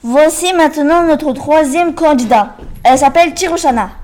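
A woman's voice: high voice, moderate pace, darkish tone. A woman presenting a scripted school radio quiz as its host. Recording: very noisy amateur recording.

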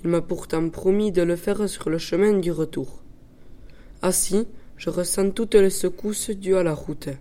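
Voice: medium pitch, steady tone, measured pace, dark tone, natural voice. An actor voicing a bored, restless young boy, narrating his story in the first person. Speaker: narrator of a child character. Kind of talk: first-person dramatic reading.

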